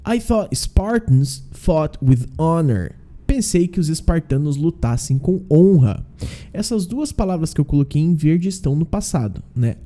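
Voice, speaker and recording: Lively, dark-voiced man teaching. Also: high voice. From Brazil. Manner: explains slowly, drills pronunciation, asks "né?" and "tá?". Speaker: English teacher. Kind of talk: casual online lesson.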